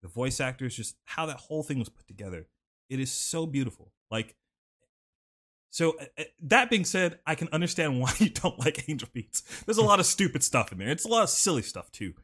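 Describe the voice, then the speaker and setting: A man's voice: fairly high pitch, sing-song, fairly quick, fairly bright tone. A young man on a podcast, chatting casually and telling a long, rambling story full of fillers, his mic turned slightly away. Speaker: podcast host. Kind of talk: casual chat. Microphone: studio mic, off-axis.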